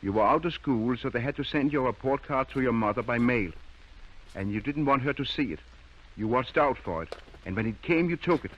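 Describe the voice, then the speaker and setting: A man's voice: mid-range voice, expressive, a little fast, natural voice. A man acting in an old-time radio drama as a firm, kindly country doctor, patient but probing. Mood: firm accusation. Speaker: radio actor. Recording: dull, lo-fi vintage radio recording.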